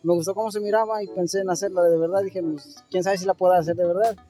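A man from Guerrero with a Mexican accent, answering haltingly in a casual street interview. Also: sits high, steady tone, warm tone, soft background music. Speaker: interview guest, passerby. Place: outdoors on a street.

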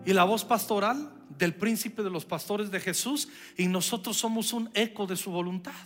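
A man's voice: high voice, moderate pace, faint music behind. A man preaching a sermon as pastor, conversational with playful asides.

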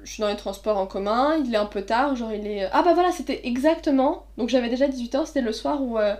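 A young woman with a notably high voice recounts an anecdote in relaxed conversation. She is lively and acts out each person she quotes along the way. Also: quick pace. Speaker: storyteller. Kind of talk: casual anecdote telling.

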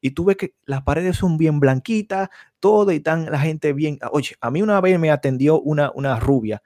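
A man's voice: on the high side, moderate pace, warm tone, no echo, clean studio sound. A man, co-hosting a podcast in casual chat and rambling through stories, often checking that listeners follow him. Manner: rambling storyteller, keeps asking "tú me entiendes". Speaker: podcast co-host.

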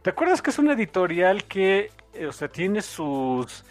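A man's voice: high voice, very animated, moderate pace, faint music behind. A man co-hosting a comics podcast, joking and laughing easily in casual chat. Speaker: podcast co-host.

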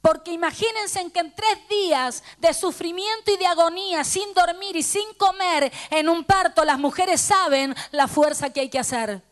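A woman's voice: very high-pitched, normal speed, few pauses. A middle-aged woman pastor with a Rioplatense Spanish accent, fervently telling a personal testimony in a sermon and quoting the people in it. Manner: fervent storytelling, quoting dialogue.

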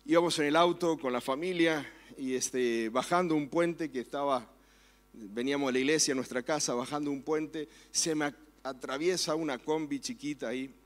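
A man, a pastor preaching a sermon in church, telling stories and turning fervent in prayer. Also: medium pitch. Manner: storytelling with varied emphasis, fervent when praying.

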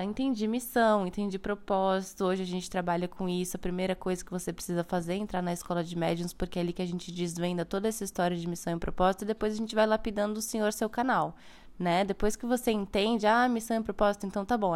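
A young Brazilian woman with a Brazilian Portuguese accent, talking casually to her followers in a chatty, playful way with lots of tag questions. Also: mid-range voice. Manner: chatty and playful, frequent "né?" asides. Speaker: spiritual content creator. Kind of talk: casual spiritual vlog monologue.

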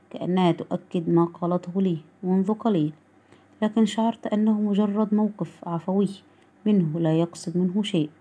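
A woman narrates a short story in the first person. Her voice is low and mellow, and her reading is calm and measured.

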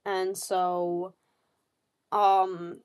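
Slow-talking young woman telling a story. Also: lowish voice, little pitch movement, darkish tone. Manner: candid, heavy swearing, lots of fillers. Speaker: podcast host. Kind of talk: casual personal storytelling.

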